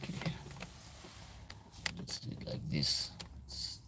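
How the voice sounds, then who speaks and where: Reading viewers' comments out loud and answering them, an Albanian livestream host who is a veterinarian speaks casually with an Albanian accent. He talks slowly in a sharp-toned voice, with a slight hiss or hum.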